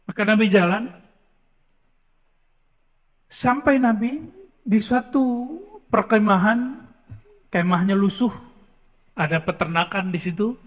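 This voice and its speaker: A man's voice: high voice, takes it slowly, long pauses, a bit bright. A man preaching a sermon as storytelling, speaking emphatically and asking rhetorical questions. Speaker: Islamic preacher. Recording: dull lo-fi with long hall reverb.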